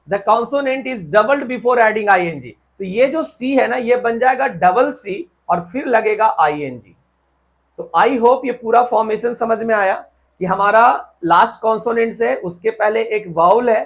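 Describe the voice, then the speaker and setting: Husky-voiced Indian grammar teacher. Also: male voice, high-pitched. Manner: spells out words letter by letter, checks understanding often; switches to slow deliberate reading for English rules. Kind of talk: whiteboard grammar lesson.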